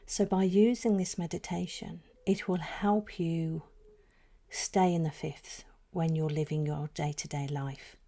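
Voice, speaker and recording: Leading a guided meditation, this woman keeps her low-pitched voice steady, soft, and breathy, frequently trailing off almost to a whisper. Her phrasing is slow and calming, with intentional pauses.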